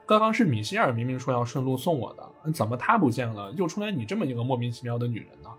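A man's voice: medium pitch, very animated, quick pace, faint music behind, natural voice. A man voicing a confused grown man in a spoken game retelling, puzzled and questioning. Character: confused adult man, baffled and uneasy.

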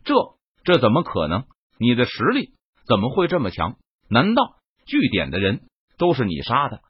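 A man playing an arrogant, powerful warrior leader who talks gruffly and scornfully, on a muffled lo-fi recording. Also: mid-range voice, huge pitch swings, normal speed, dry recording, heavily acted. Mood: shocked.

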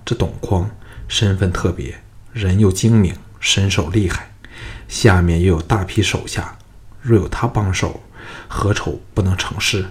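A man narrating a novel as an audiobook, telling the story in a steady, measured way. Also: low-pitched.

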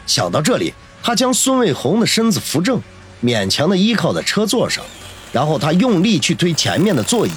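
A man narrating a novel in a dramatic, expressive storytelling voice. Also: on the high side, fairly quick. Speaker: audiobook narrator.

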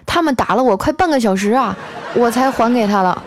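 A woman's voice: fairly high pitch, animated, brisk, a crowd in the background, voice pushed up, natural voice. A woman voicing a sheepish young male coworker who groans about his bad luck. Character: sorry-looking young male coworker, always late.

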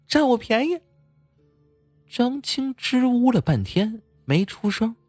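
A man narrating a scripted horror story in a slow, suspenseful manner. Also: medium pitch, a little mellow, husky, no room sound.

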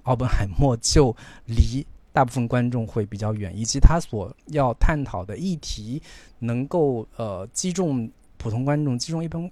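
A man's voice: mid-range voice, warm tone, no room sound. A man co-hosting a podcast who chats casually about films and repeats words as he thinks. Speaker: podcast co-host. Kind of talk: casual film discussion.

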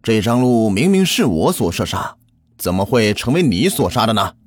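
A man's voice: sing-song, moderate pace, breathy edge, no room sound. A man doing a desperate, pleading poor hunter. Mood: indignant. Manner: pleading, low and quiet.

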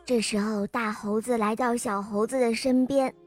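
A woman narrating a children's bedtime story in a slow, gentle, sing-song way. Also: fairly high pitch, fairly even intonation, soft background music.

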